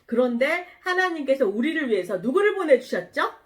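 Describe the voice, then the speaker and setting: A woman pastor telling a Bible story in a children's sermon, animated and asking the children questions. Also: high-pitched, fairly quick.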